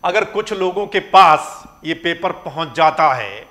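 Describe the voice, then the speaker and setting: Guy with a tinge doing a news commentary, high bright voice, keeps firing questions. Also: expressive, a little slow. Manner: questioning, emphatic, rhetorical. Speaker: news reporter presenting a report.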